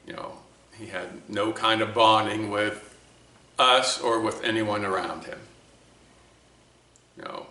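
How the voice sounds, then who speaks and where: Slow, reflective man in an echoey room. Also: lowish voice, sharp tone. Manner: slow, reflective, with many restarts. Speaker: speaker of a talk series. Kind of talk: personal talk to camera. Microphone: camera mic.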